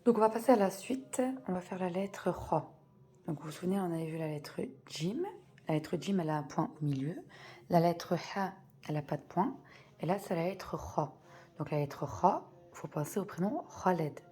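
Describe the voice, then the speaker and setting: A woman teaching a reading lesson, explaining slowly and patiently and repeating sounds in drills. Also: fairly low pitch, warm tone.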